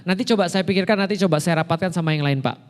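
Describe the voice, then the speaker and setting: A man's voice: sits high, rapid-fire, clear, resonant tone, long reverb tail, lightly acted. Man doing an eager, obliging office employee. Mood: deferential. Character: deferential male office employee to his boss.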